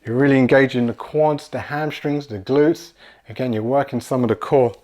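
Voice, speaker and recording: A fitness coach in his forties leads a home workout from a small room strewn with kids' toys, relaxed and encouraging as he demonstrates each move. His voice sits at a normal middle pitch and moderate pace. He restarts phrases, repeats words and is slightly out of breath at times.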